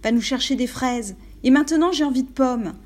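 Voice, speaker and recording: A greedy storybook stepmother who nags and demands, her words pushing up loud and high, as a woman puts her on. The tone beneath stays mellow. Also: brisk. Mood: demanding.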